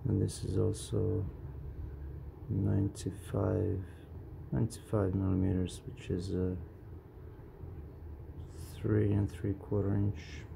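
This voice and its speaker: A man casually showing off his knives, mumbling in a quiet, halting way. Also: low voice, flat delivery, creaky, background noise. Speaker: knife collector vlogger. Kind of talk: casual show-and-tell.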